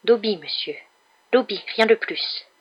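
A woman voicing a small male house-elf with a high, squeaky, humble voice, servile and tearful, in an audiobook reading. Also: animated, unhurried, breathy edge, highs cut off. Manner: humble, overexcited, sobbing outbursts. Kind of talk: audiobook character voice.

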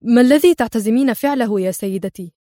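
Casting: woman playing a doubtful male inspector, dry, higher pitch, close sound. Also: quick pace, no echo, lightly acted. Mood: wary. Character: weary male police inspector, skeptical.

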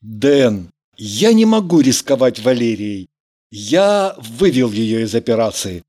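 Woman voicing a slow, terse, jealous young man; gruff short replies. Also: extremely low pitch, big pitch swings, mellow, voice pushed down, exaggerated voice. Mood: earnest.

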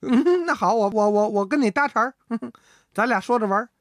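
A woman voicing a shrewd, teasing old Qing emperor who speaks in mock-stern, drawn-out commands. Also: on the high side, no room sound, clean studio sound, pitched above the performer's own voice, lightly acted.

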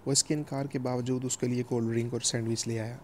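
A man reading a novel aloud as a steady, even audiobook narrator. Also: mid-range voice, slight background noise.

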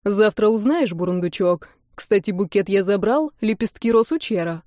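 Brief: woman reads playful young groom, calm and teasing, mellow dry sound. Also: medium pitch, moderate pace, no room sound, natural voice. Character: cheerful teasing young male fiancé. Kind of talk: audiobook character reading.

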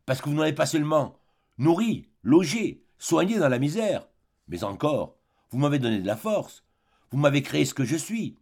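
A man voicing a sad, weary young exiled sculptor who speaks softly and plaintively. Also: fairly high pitch, big pitch swings, moderate pace, vocal fry, full character voice. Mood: melancholy. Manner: melancholy, soft, plaintive.

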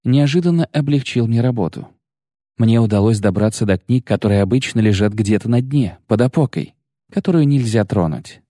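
A man's voice: medium pitch, animated, normal speed, dark tone, dry recording, studio quality, lightly acted. A man voicing a sly, sensual young sorceress in an audiobook reading, teasing, coaxing and self-assured.

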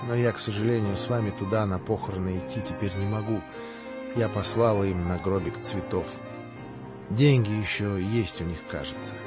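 A man's voice: fairly even intonation, moderate pace, lightly acted. Man voicing Katya, a proud anguished young woman. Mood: cold, curt. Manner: high, strained pleading. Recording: dull lo-fi audiobook with faint music.

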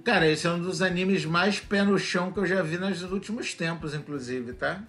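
A man with a Brazilian Portuguese accent co-hosting a podcast, animated and jokey, swearing freely as he talks. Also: high-pitched, normal speed, faint music behind. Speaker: podcast co-host. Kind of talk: casual chat.

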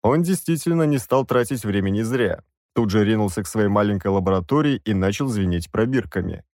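A man's voice: lowish voice, expressive, fairly quick, a little mellow, no room sound. A male audiobook narrator telling a fantasy tale in the first person with a wry touch. His mid-range voice moves animatedly, recorded close and dry in a studio.

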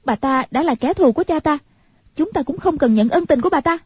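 A woman's voice: high-pitched, animated, fairly quick, darkish tone, dry recording, voice pushed up. A woman voicing a clever, willful young heroine who speaks in a pleading yet commanding way. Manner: pleading and imperious. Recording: muffled lo-fi recording.

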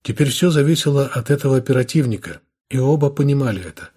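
A man reading a crime novel as an audiobook in steady scripted narration. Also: medium pitch, fast, slightly rough.

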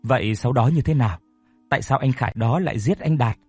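A man voicing a caring young woman who is gentle and determined, speaking in a soothing way. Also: mid-range voice, brisk, slightly rough, no room sound, faint music behind, natural voice. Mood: curious.

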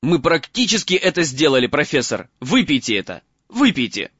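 A man's voice: fairly high pitch, big pitch swings, moderate pace, fairly bright tone, husky, no echo, highs cut off, exaggerated voice. A man voicing a desperate teenage boy wizard urging an old man to drink, in an audiobook reading. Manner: urgent desperate coaxing.

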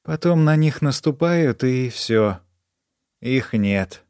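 A man's voice: animated, takes it slowly, a little mellow, clear, resonant tone, no room sound, clean studio sound. A man voicing an erratic, stoned young woman in an audiobook, rambling and repeating herself. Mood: dreamy. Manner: shrill outbursts, rambling repetition. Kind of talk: audiobook character voice.

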